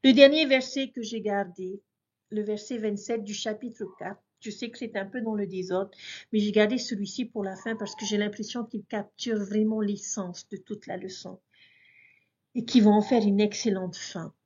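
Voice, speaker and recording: A woman's voice: mid-range voice, fairly even intonation, normal speed, a little mellow, highs cut off. A woman teaching a devotional scripture lesson in an earnest voice, speaking to listeners as brothers and sisters.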